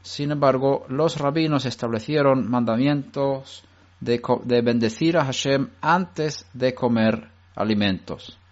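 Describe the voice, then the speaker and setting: Man, religious study teacher, measured explanatory delivery, mid pitch, muffled lo-fi sound. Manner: measured, explanatory, with frequent restarts. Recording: dull lo-fi recording.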